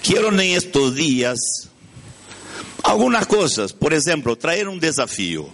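With a slightly high, fairly bright voice and large pitch swings, a Brazilian man preaches a storytelling sermon in Spanish at a measured pace, and a faint hiss or hum sits under the recording. He's a native Portuguese speaker with a Brazilian Portuguese accent who often quizzes his listeners and searches for words.

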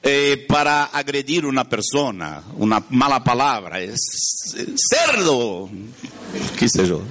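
This Brazilian man, a native Portuguese speaker with a Brazilian Portuguese accent, preaches a storytelling sermon in Spanish. His medium-pitched, slightly bright voice moves slowly and swings widely in pitch. He frequently poses questions to his listeners and searches for words.

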